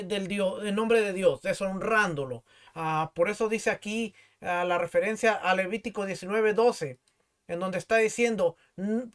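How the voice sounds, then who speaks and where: A man with a notably high-pitched voice teaches from scripture as a pastor, with a Mexican Spanish accent. He reads verses aloud and explains them patiently, often repeating himself as he looks for his place. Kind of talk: teaching sermon with scripture reading.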